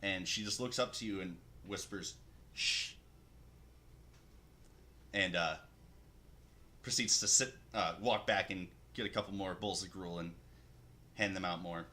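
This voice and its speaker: Male tabletop game master, bright and low-pitched, unhurried narration full of ums, faint hiss under it. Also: steady tone. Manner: halting, many ums and uhs, laughs often.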